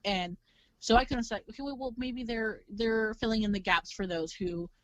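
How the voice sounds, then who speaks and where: A young woman from California talking as a podcast guest in animated, chatty casual conversation, full of fillers. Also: a little high, normal speed, dry recording, low-quality recording. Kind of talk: casual chat.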